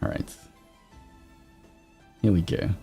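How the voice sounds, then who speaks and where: This male livestreamer, a VTuber host, talks to viewers in a loose, laid-back, meandering manner. He speaks slowly in a warm tone, with music playing behind him.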